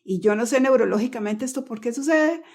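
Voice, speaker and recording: A woman who speaks Spanish as her first language, giving a casual pronunciation lesson. She repeats herself, checks in with the listener often and slows right down to model example phrases. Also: a little high, darkish tone. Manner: chatty, repeats words, asks "¿ok?" often. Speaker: English pronunciation teacher.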